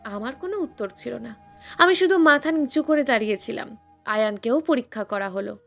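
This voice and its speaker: A woman's voice: fairly high pitch, lively intonation, fairly quick, vocal fry. A woman storyteller reading a scripted first-person family drama in an earnest, emotional way. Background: soft background music.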